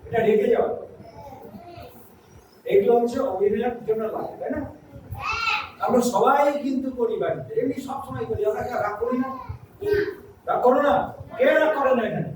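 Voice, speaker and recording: A woman runs a children's acting class, quizzing the kids and coaxing answers out of them. Her voice sits fairly high and carries a lot of room echo. She is picked up from a distance over steady background noise. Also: normal speed, pauses often. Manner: lively, questioning, coaxing children. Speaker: theatre workshop teacher. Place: school classroom. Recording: echoey room, far from mic, noisy.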